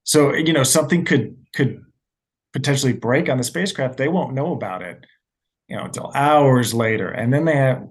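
A man's voice: medium pitch, moderate pace, husky. A man directs documentaries and appears as a guest on a radio interview. He answers earnestly, telling stories and leaning on fillers as he recalls his experiences. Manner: earnest, storytelling, frequent fillers.

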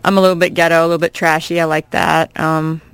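Woman, forties, from Iowa, comedian guest, smooth resonant voice, quick animated jokes. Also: deep voice, dry recording. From Iowa, USA. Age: 40s. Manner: quick-witted, laughing often, animated punchlines. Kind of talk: casual radio interview chat.

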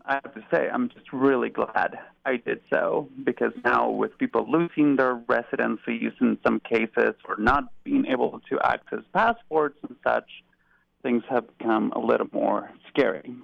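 A man from Argentina calls in to a radio show and answers thoughtfully, pausing often with ums. His voice is strongly gravelly and comes through a dull, muffled line. The sound is dry and close. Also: medium pitch, steady tone, no echo. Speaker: guest caller, research fellow. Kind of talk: phone-in interview.

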